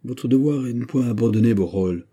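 A man reading the part of a haughty, domineering prince in an audiobook, lordly and commanding, with a husky voice. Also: mid-range voice, fast, mellow, voice pushed up, natural voice.

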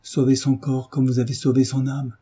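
A man's voice: monotone, moderate pace, breathy edge, close to an everyday voice. A man voicing a fearful, devoted young mother who cries out in a raised, heartrending voice. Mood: pleading. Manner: heartrending, high and loud cries.

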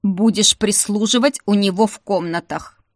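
A woman's voice: mid-range voice, moderate pace, no echo, clean studio sound, lightly acted. A woman voicing a stern, strict werewolf housekeeper who speaks harshly and barks orders through gritted teeth. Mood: commanding.

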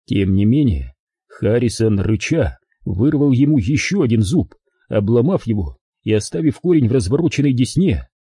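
A man's voice: mid-range voice, big pitch swings, normal speed, dark tone, slightly rough, no echo, clean studio sound. A man narrating a crime audiobook expressively, giving every character his own voice.

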